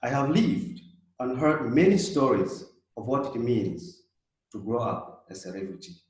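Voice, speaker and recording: A man in his thirties from South Sudan, giving a measured, reflective prepared talk as a guest speaker. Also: medium pitch, a little mellow. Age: 30s. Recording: very echoey room.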